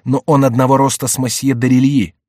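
A man's voice: medium pitch, level tone, a little fast, dark tone, dry recording, studio quality, voice pushed up, lightly acted. Man voicing a reckless young nobleman. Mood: deferential. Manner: hot-headed, then deferential. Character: reckless young nobleman swordsman, hot-headed.

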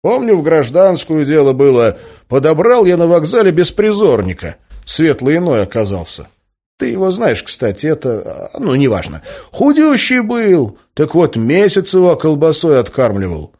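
A man voicing a jovial, rambling middle-aged male magician with a husky voice. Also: a little high, big pitch swings, normal speed, a little mellow, pitched above the performer's own voice. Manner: rambling, chatty, folksy.

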